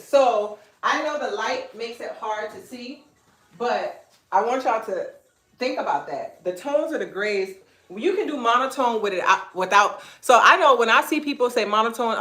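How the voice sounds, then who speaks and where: A woman's voice: fairly high pitch, moderate pace. A woman with a Gullah Geechee accent, hosting a casual live-stream fashion chat at home and teasing her husband between points. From Beaufort, South Carolina, USA. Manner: animated, chatty, teasing asides to her husband. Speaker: clothing brand owner hosting a live stream. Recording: echoey room.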